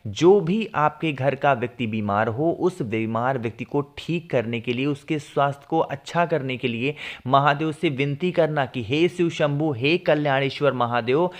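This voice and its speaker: A man with a mid-range voice and a sore throat, clearing it now and then, hosts a devotional remedies video, casually explaining home devotional rituals to viewers. He keeps checking in with them by repeating "ठीक है ना?" ("all right?").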